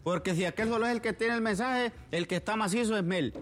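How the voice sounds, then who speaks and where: A man co-hosting a political radio show. He needles his partner with quick quips and tag questions. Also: high voice, fairly bright tone. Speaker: radio talk show co-host covering congress.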